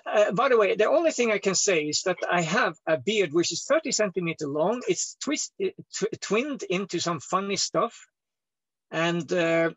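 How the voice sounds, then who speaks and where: A loud, husky man from Northern Scandinavia, recorded dull and dry with no echo, rambles as a healer interviewee. Lying down indoors with the mic set away from his head, he projects toward it in broken English, his voice swinging from deep to high.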